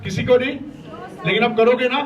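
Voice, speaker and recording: A man's voice: extremely high pitch, brisk, a faint crowd. A man leading an interactive lesson for school students. He keeps checking in with the class and praises them often. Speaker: school workshop facilitator. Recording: distant, dull mic with faint room noise.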